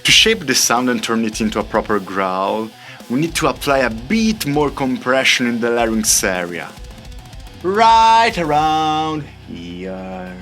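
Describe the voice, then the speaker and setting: A man's voice: mid-range voice, sing-song, normal speed, pushed and bright, faint music behind. A man presenting a scripted tutorial as an upbeat vocal coach, explaining things step by step. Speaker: extreme vocal coach and singer.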